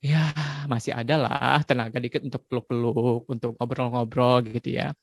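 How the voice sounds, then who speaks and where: A man in his forties giving a parenting talk in a relaxed, conversational way, dropping frequent tag questions. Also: mid-range voice, normal speed, vocal fry, no room sound. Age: 40s. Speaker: parenting speaker.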